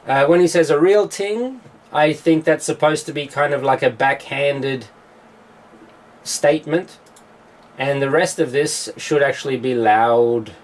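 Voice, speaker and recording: A man's voice: on the high side, a little slow. A music producer walks through his mix in his home studio, a man with a slightly raised voice. He explains each step plainly and fills gaps with "uh" and "um" as he works. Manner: explanatory, with frequent filler sounds. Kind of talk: studio tutorial.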